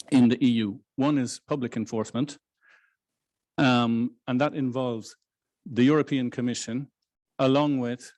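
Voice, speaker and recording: A man lecturing on law to a hybrid audience, speaking in a measured way with frequent restarts and fillers. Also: mid-range voice, warm tone. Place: lecture room in Brussels, hybrid with online audience.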